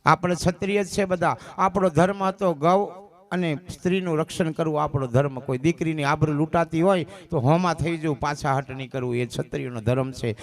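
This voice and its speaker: A man, a bhajan singer and preacher giving a folksy sermon at a village gathering, telling stories and breaking into drawn-out sung verses. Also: mid-range voice, gravelly.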